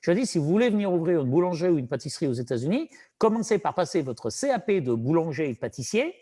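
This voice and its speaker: A man with a strong Saint-Étienne French accent, a business broker giving earnest advice in a relaxed conversation. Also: on the high side, fast talker. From France. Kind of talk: casual conversation.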